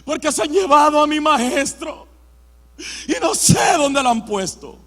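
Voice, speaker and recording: A woman's voice: high-pitched, measured pace, pitched above the performer's own voice. A male preacher voicing a grieving woman who pleads and cries out for a missing body. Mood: crying out. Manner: crying out, pleading and shouting. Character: grieving woman desperately seeking a lost body. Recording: long church-hall reverb.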